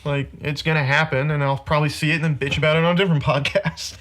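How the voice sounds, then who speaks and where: A man's voice: fairly high pitch, flat delivery, quick pace, fairly bright tone. A man hosting a podcast, ranting through a film critique in casual chat with lots of "like". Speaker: podcast host.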